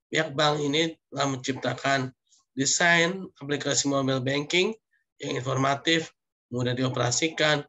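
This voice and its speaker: A man's voice: medium pitch, a bit bright. A man lecturing online, reading through slide points with frequent "ya" and "nah" asides.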